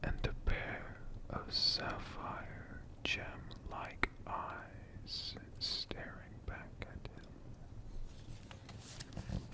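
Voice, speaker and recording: This clip features a channel host, an ASMR storyteller, softly whispering a story in a lingering way, often pausing and saying words again.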